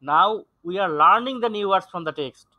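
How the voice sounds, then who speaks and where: A man teaching an English lesson in an online class, switching between Bengali and English and reading English sentences slowly for students to repeat. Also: high voice, lively intonation, no room sound, highs cut off. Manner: mixes Bengali and English, slow drilled English reading.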